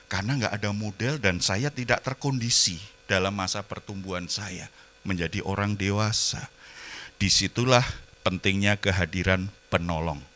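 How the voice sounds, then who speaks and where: Bright-voiced preaching man with a lilt. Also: medium pitch. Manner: folksy storytelling preacher, swings from loud emphatic peaks to soft asides. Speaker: pastor. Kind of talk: sermon.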